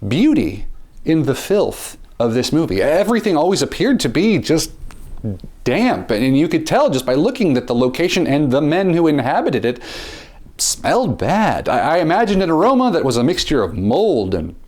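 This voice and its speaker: A man's voice: very animated, darkish tone. A man delivering a scripted film review in a theatrical way, often repeating a word as he starts a phrase. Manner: theatrical, with dramatic pitch swings and slowed emphasis.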